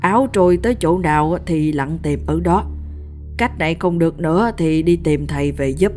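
A stern village man who understands ghosts gives blunt orders, as a woman storyteller puts him on. The voice is low and dark in tone, with soft music under the telling. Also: normal speed, natural voice. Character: older village man versed in spirit matters, stern.

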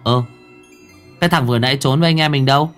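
A man voicing a scared, stubborn village boy in a spoken ghost story, talking in an insistent, excited way. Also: mid-range voice, quick pace, faint music behind, voice pushed up, close to an everyday voice.

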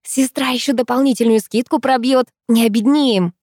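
Woman putting on a teenage schoolgirl, excitable, gossipy, high and bright, dry close sound. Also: no room sound, close to an everyday voice. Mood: chatty, excited. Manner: rapid gossipy chatter.

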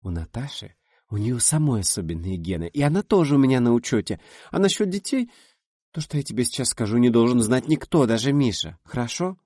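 A man's voice: medium pitch, lively intonation, a little fast, dark tone, no room sound, voice pushed up, lightly acted. Man doing a knowing woman friend, raised voice, teasing, confiding, dry close sound.

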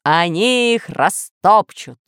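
A woman's voice: mid-range voice, expressive, takes it slowly, fairly bright tone, smooth, dry recording, studio quality, pitched above the performer's own voice. A woman voicing a boastful, villainous male scientist who rules dinosaurs, pompous and threatening in a storybook reading. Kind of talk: storybook narration.

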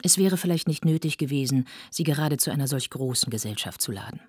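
A woman's voice: extremely low pitch, animated, quick pace, darkish tone, breathy edge, dry recording, clean studio sound, exaggerated voice. A woman reading a novel aloud, voicing a refined noblewoman who speaks in a polite, accommodating way. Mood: gracious. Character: refined, gracious noble lady.

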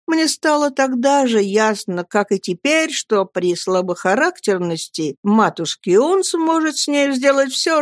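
Expressive woman reading a novel aloud. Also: mid-range voice, no echo, clean studio sound. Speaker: audiobook reader. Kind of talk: scripted audiobook narration.

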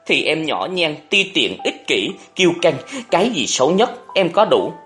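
A woman's voice: sing-song, normal speed, a bit bright, faint music behind. A man voicing a young woman who argues angrily and pleads with her family in a storybook reading. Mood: desperate. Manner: shrill, indignant, pleading.

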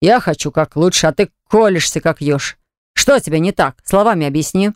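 A narrator voicing a domineering man who lays down orders to his lover, speaking slowly and weightily in a smooth, dry, close-miked voice. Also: mid-range voice, no room sound, natural voice. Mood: aggrieved. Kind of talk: audiobook character voice.

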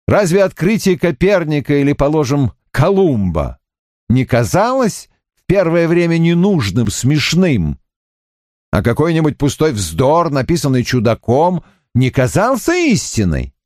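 A man voicing a reflective middle-aged army officer who muses slowly in an audiobook. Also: sing-song, a little mellow, no room sound, clean studio sound. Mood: musing. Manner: slow, musing, drops low. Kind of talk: audiobook character reading.

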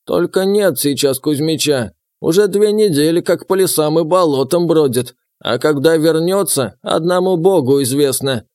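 A man voicing a suspicious, creaky old village man who questions a stranger. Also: a little high, darkish tone, dry recording, clean studio sound, voice pushed up, close to an everyday voice. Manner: distrustful, drawn-out questioning.

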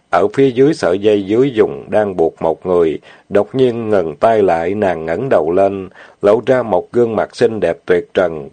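A man narrating an audiobook novel in a steady, plain reading. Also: on the low side, dry recording. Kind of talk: storytelling narration.

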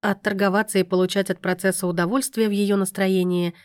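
A woman's voice: mid-range voice, flat delivery, brisk, no room sound, clean studio sound. A woman narrating a story aloud in a wry, sardonic manner. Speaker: audiobook narrator. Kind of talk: scripted narration.

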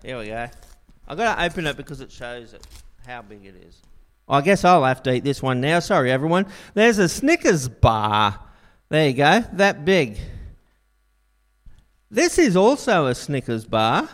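A man preaching a sermon in a church, a jokey, animated storyteller. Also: fairly high pitch, moderate pace.

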